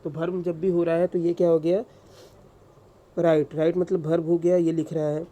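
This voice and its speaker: A man's voice: a little high, flat delivery, moderate pace, mellow. A man teaching English grammar in a classroom-style lecture, asking rhetorical questions and answering them himself.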